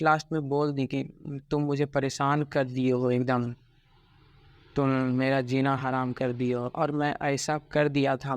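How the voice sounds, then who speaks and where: A young man talking in a halting, regretful way about his heartbreak in a personal vlog, with many pauses and restarts. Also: mid-range voice, dry recording. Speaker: vlogger.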